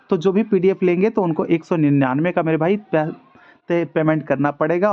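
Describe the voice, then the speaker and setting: A man teaching music theory in a casual video lesson, chatty and repetitive, talking to viewers like friends. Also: a little high. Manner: chatty, addresses viewers as brother, repeats ठीक है. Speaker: online music exam tutor. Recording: dull lo-fi audio.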